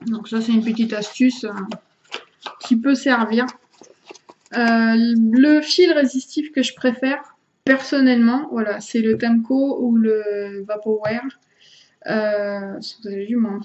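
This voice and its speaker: Showing off vaping equipment in a relaxed tutorial, a woman talks to her audience as she handles each item, often hesitating, using fillers and starting over. She speaks a little slowly in a fairly even, slightly mellow voice on the high side, captured on a muffled recording.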